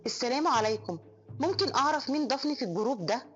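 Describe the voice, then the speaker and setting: A woman's voice: sits high, animated, rapid-fire, fairly bright tone, faint music behind. A woman voicing a bewildered young Egyptian man. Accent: Egyptian Arabic. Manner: startled questioning. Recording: dull lo-fi audio.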